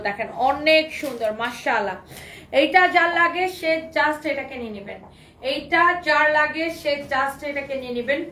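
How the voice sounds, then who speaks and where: A high-pitched, hoarse woman from Bangladesh runs a live sales stream, coaxing buyers and saying the same things over and over. She stands a little back from the mic in a roomy shop with faint noise behind her. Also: fairly bright tone. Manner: repetitive, coaxing, mixes English phrases. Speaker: online clothing seller. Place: clothing shop. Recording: roomy, slightly distant, faint background noise.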